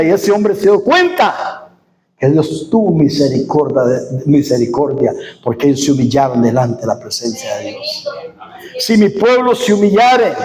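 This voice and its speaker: A male preacher delivering a sermon, repeating key phrases and rising into shouted passages. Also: very high-pitched, low-quality recording. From Costa Rica.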